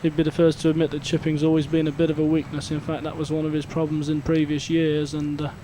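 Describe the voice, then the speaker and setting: A man's voice: fairly high pitch, completely flat delivery, fast, warm tone. A man working as a golf commentator, giving live analysis in a conversational way. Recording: clear outdoor background noise.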